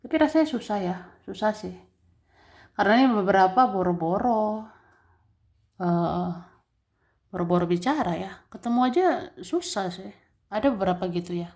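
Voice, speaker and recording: A woman's voice: medium pitch, normal speed, long pauses. Chatty woman giving a tarot reading. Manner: relaxed, chatty, with fillers and soft laughs. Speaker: tarot reader. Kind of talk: general tarot reading to the viewer.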